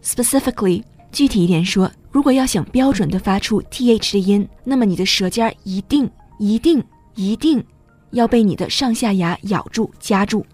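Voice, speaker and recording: Patient woman teacher narrating a lesson in a mid-pitched voice over faint music. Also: expressive, normal speed, darkish tone, husky. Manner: patient, explains step by step. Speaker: English teacher. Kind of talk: scripted bilingual narration.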